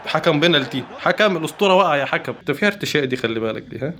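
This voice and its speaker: A man with an Egyptian Arabic accent giving excitable commentary while playing a football video game, chanting player names in quick bursts. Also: a little high, very noisy. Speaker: gaming YouTuber. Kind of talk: live gameplay commentary.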